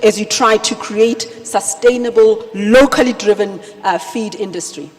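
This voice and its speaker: A woman moderates a live panel, speaking emphatically at a middle pitch. Her voice rings through a large hall with long reverb, as if over a PA. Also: a little slow. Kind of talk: live stage hosting and questioning. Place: large conference hall stage. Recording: echoey hall sound over PA.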